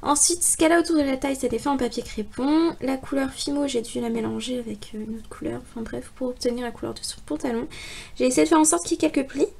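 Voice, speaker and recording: A woman's voice: sits high, quick pace, creaky, a little mellow. A young woman casually presenting a handmade craft model for a contest, chatty with frequent fillers and little laughs. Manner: chatty, many fillers and giggles.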